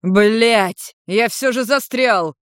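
A storyteller voicing a foul-mouthed, furious male dragon in human form who yells and curses. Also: medium pitch, extremely slow, dry recording, clean studio sound, voice pushed up. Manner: shouting, cursing.

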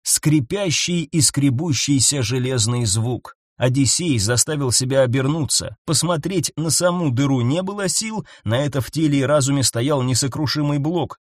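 A man narrating a science-fiction audiobook in a tense, measured reading style, recorded close to the mic. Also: mid-range voice, expressive, no echo.

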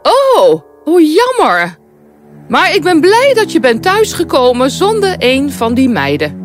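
Actrice als hooghartige sprookjeskoningin, statig, traag, zeer beweeglijke intonatie. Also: female voice, sits high, huge pitch swings, measured pace, soft background music, exaggerated voice. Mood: mock pity. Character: possessive, haughty queen mother in a fairy tale. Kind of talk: storybook voice acting.

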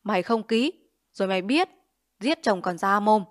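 Woman doing a male village chief, greedy, bullying, sneering, loud. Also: medium pitch, expressive, normal speed, lightly acted. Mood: menacing. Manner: blustering, sneering, extorting.

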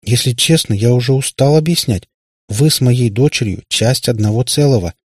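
A man's voice: medium pitch, moderate pace, darkish tone, breathy edge, no room sound, studio quality, voice pushed up, lightly acted. A man voicing a sad warlock father who rambles in pompous explanations. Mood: weary. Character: male warlock father, sad and long-winded.

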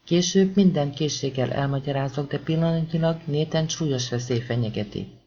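A man's voice: a little high, dark tone, slight background noise, close to an everyday voice. A male narrator voicing a firm, urgent police lieutenant who speaks tersely. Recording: dull lo-fi audiobook recording.

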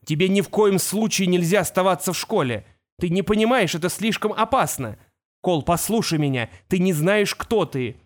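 A man's voice: high-pitched, lively intonation, moderate pace, voice pushed up. A man playing a grave, stern father. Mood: urgent. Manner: grave, insistent, warning. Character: stern, fearful father, a former wizard. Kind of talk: audiobook character voice.

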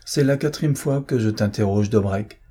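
A man's voice: lowish voice, moderate pace, warm tone, slightly rough. A man voicing a cruel middle-aged marquis who commands harshly in an audiobook reading. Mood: cold menacing. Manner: harsh, commanding, increasingly frantic.

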